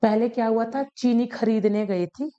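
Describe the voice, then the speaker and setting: Woman teaching accountancy with a lightly high voice. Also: moderate pace, dark tone, lo-fi sound. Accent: Hindi-English mix. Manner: repeats key points, acts out shop examples. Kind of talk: casual explanatory lesson.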